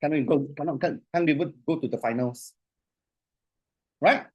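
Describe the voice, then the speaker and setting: Animated lecturer who keeps asking "you see?". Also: male voice, a little high, slightly rough. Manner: animated, repetitive, asks "you see?" often; slows way down to dictate phrases. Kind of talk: classroom lecture.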